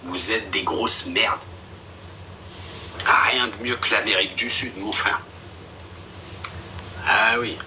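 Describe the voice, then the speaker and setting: A man's voice: on the low side, takes it slowly, long pauses. A young man chatting casually on a live stream, blunt and slangy, with a dismissive streak. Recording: a bit distant with faint background noise.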